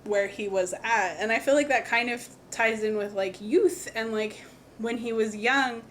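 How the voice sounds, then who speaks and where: A woman's voice: on the high side, unhurried, a bit bright, slight background noise. A woman co-hosting a podcast in casual chat, blunt and profane with sarcastic asides. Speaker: podcast co-host.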